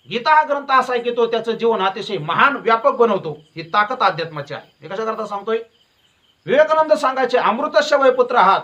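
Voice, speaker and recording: High, bright-voiced man preaching emphatically. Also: lo-fi sound. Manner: emphatic and repetitive, with folksy storytelling. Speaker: devotional preacher. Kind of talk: devotional sermon.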